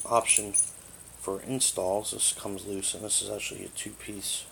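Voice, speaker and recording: This product reviewer has a lowish, creaky, fairly bright voice and a flat delivery at normal speed. Sitting in his living room, he gives a rambling, matter-of-fact hands-on overview, captured noisily on a tablet's built-in mic.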